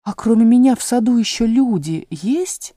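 A woman's voice: on the high side, expressive, normal speed, mellow, no echo, clean studio sound, voice pushed up. A woman voicing a curious, polite young girl in a storybook reading, asking earnest questions.

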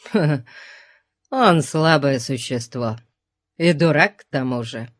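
A man voicing a defiant barbarian warrior who grumbles his scorn slowly. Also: fairly high pitch, fairly even intonation, dry recording, clean studio sound. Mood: scornful. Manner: contemptuous, grumbling.

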